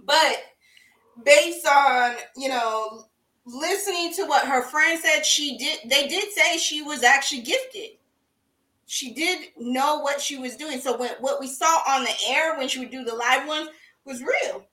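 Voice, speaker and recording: A woman's voice: sits high, measured pace, bright, forceful tone, recorded from a distance. A woman co-hosting a casual podcast chat, swearing freely and laughing often as she tells a story. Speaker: podcast co-host. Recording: roomy echo.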